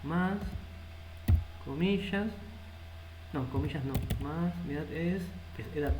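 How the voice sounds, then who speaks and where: Typing code while he talks through his thinking, this Rioplatense-accented man teaches a live programming lesson at a slow pace in a fairly high voice. Loud background noise and echo fill the room.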